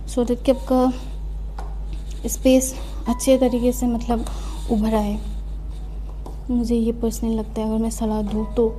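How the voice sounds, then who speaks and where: A young adult student vlogger chats casually in her study room at home while tidying her desk for a desk tour, her voice a little high with a dark tone. She sounds slightly out of breath, pokes fun at herself and mixes in English phrases.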